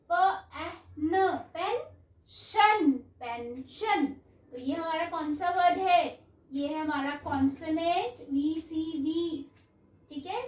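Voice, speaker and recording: A woman teaching phonics to children in a lesson, slowly sounding out syllables and calling the kids "beta". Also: high voice, roomy sound.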